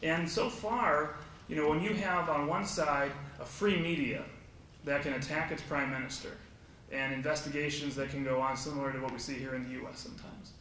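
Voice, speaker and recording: A man on a conference panel arguing forcefully and with sarcasm. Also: on the high side, fairly even intonation, brisk, a little hiss or hum. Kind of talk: panel discussion argument. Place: conference hall. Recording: echoey hall, far from mic.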